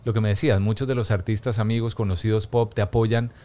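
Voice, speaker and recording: A man's voice: lowish voice, little pitch movement, fast talker, dark tone. A man with a Colombian accent hosting a casual interview, agreeable and backing the guest with short affirmations. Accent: Colombian Spanish. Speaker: podcast host.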